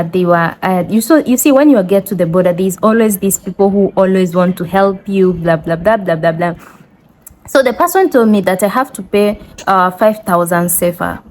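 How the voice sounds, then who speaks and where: A woman's voice: lowish voice, a little mellow, rough recording. A woman with a Kenyan accent telling a story casually as a travel vlogger, chatty and emphatic, repeating words to make her point. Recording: clear background noise.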